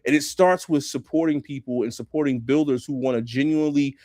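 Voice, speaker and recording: A man chatting casually on a video call about building for a hackathon, animated, dropping "bro" and "you know what I'm saying" often. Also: mid-range voice, fairly quick, dry recording, studio quality. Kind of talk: casual chat.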